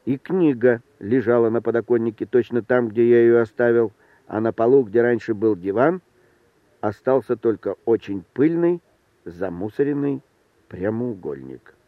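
A man narrating an audiobook in a measured, subdued storytelling manner. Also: medium pitch, animated, dry recording. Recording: dry, tinny lo-fi recording.

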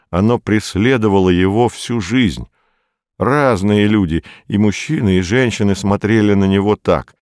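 Deep-voiced male audiobook narrator. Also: darkish tone, no echo, clean studio sound.

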